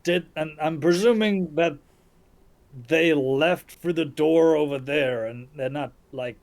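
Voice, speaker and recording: A man's voice: a little high, slow pace. Polite, stammering man in a tabletop game. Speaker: player. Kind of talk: in-character tabletop talk.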